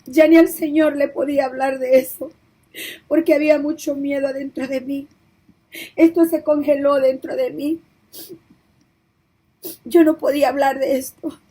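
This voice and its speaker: Tearful high-voiced woman giving testimony. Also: steady tone, moderate pace, pauses often, warm tone, low-quality recording. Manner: emotional, voice breaking into tears; repetitive, pleading storytelling.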